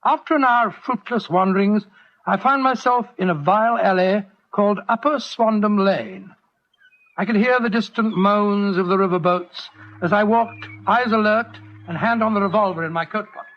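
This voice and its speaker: A man's voice: sits high, moderate pace, natural voice. An actor playing a genial older British doctor, avuncular and wordy, recounting his adventures in a 1940s radio drama. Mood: grave, suspenseful. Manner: avuncular, wordy, old-fashioned diction. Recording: muffled, noisy 1940s radio recording.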